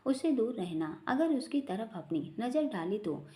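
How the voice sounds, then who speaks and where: A woman voicing a haughty, quick-tempered young husband in a family storybook. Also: a little high, very animated, dark tone, reverberant. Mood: threatening. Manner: menacing, haughty.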